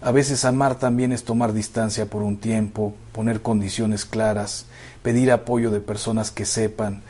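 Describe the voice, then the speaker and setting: A man preaching a sermon to parents, addressing listeners as brothers and sisters in a slow, emphatic pastoral manner. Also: on the low side, darkish tone, husky.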